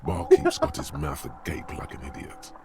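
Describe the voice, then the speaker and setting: Game narrator, very deep, gravelly, sardonic, wide pitch swings. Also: male voice, huge pitch swings, normal speed, heavily acted. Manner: wry, sardonic commentary. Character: man, wry all-knowing narrator voice. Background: game music.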